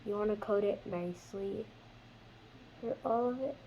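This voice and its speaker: A woman talks through a craft demo in a loose, rambling way, often trailing off mid-thought. Her voice is a little hoarse, as if she is losing it, and sits at an ordinary middle pitch. Faint background noise hums under her. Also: moderate pace, lo-fi sound. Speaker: craft video host. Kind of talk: casual how-to chat.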